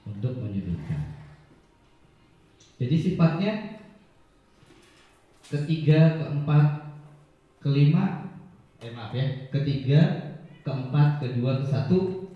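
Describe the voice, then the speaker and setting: A man's voice: fairly high pitch, slow pace, long pauses. A male teacher, leading a workshop for fellow teachers and explaining step by step with short acted-out examples. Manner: explains step by step, acts out short scenes, chuckles often. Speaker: teacher leading a training session. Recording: very echoey room, dull lo-fi sound.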